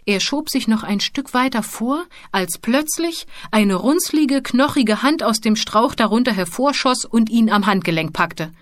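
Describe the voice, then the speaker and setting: A woman narrating a children's storybook in a calm, even manner. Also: on the high side, unhurried, few pauses, no echo. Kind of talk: audiobook narration. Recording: dry close studio sound.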